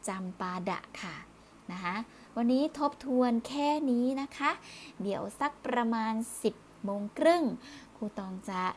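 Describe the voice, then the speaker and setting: A patient woman teacher talks young pupils through a review lesson, repeating each word and closing her phrases politely. Her voice sits a little high. A faint hiss runs under the recording. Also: expressive, measured pace. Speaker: primary school Thai teacher.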